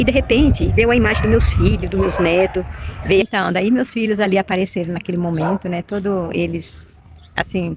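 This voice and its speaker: A woman's voice: mid-range voice, noisy background. A middle-aged woman with a Brazilian Portuguese accent, telling a personal story to camera in an emotional, repetitive way, often asking "you know?". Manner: emotional, repetitive, with many tag questions. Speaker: vlogger.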